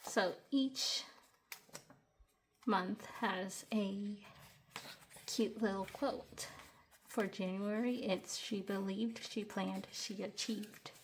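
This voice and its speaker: A young woman in her twenties talks through a budgeting tutorial at an unhurried, slow pace, sounding a little short of breath. She chats casually, with fillers and restarts. Faint background noise and small clicks sit under her voice. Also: mid-range voice, steady tone. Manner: chatty, hesitant with fillers and restarts. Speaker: budgeting vlogger.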